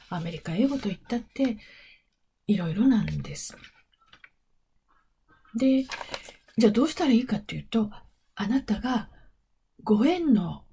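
A woman hosting a weekly advice podcast, talking softly and slowly and often slipping into a whisper. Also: medium pitch. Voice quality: very breathy, often drops to a whisper. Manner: soft, slow and coaxing, stretches key words. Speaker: English-pronunciation podcast host. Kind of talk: gentle advice monologue.

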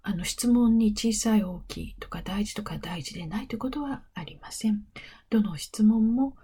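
A woman hosting a weekly advice podcast, talking softly and slowly and often slipping into a whisper. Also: medium pitch. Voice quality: very breathy, often drops to a whisper. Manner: soft, slow and coaxing, stretches key words. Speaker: English-pronunciation podcast host. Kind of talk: gentle advice monologue.

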